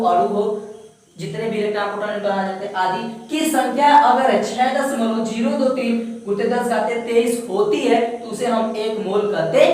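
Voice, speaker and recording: A male teacher giving a science lesson, repeating key terms and asking himself questions before answering them. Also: very high-pitched. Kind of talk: classroom-style science lecture. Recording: very echoey room, mic far away.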